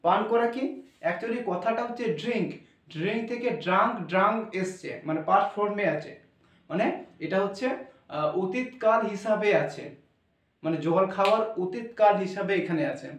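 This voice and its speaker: A man with a high voice explains English pronunciation, slowly sounding out each letter and repeating himself patiently. He is heard from a distance in a roomy, echoing space. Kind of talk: classroom explanation. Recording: echoey room from far off.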